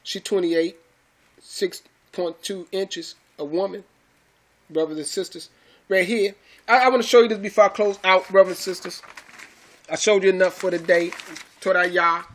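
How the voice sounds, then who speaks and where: A man's voice: sits high, moderate pace, pauses often, sharp tone. A man teaching scripture to his followers in an emphatic, preachy way, repeating phrases and calling listeners brothers and sisters. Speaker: religious teacher.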